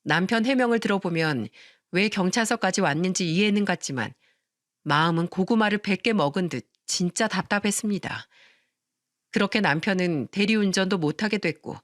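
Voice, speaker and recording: A woman narrating a story in expressive radio-story style. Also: mid-range voice, dry recording, clean studio sound.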